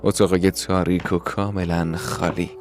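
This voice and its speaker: Deep-voiced man narrating a horror tale. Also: flat delivery, a little mellow, soft background music. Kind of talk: first-person horror story narration.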